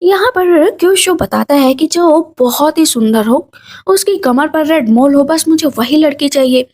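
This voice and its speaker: A woman's voice: high-pitched, lively intonation, unhurried, a little mellow. A woman narrating a drama recap, retelling each scene and quoting the characters' lines, mixing in English words. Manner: retells scenes with quoted dialogue, Hindi mixed with English words.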